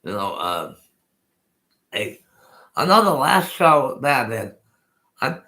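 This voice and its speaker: This Colorado man in his sixties hosts his own live stream, chatting casually and rambling, repeating himself and restarting often. Having no teeth, he is sometimes hard to understand. His mid-range voice is slow, sing-song and bright, with a forceful tone.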